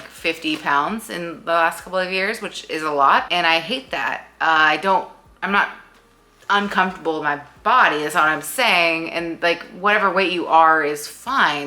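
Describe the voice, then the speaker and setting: A woman's voice: on the low side, bright, forceful tone. A woman in her late thirties, chatting casually at home as a vlogger, rambling with many fillers. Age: late 30s. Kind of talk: casual chat.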